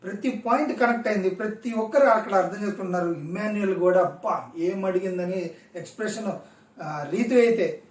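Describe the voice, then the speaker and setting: A man's voice: high-pitched, fast talker, recorded from a distance. A man reviewing a reality show in casual recap commentary, emphatic and repeating his points for stress. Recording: echoey room, voice off-mic.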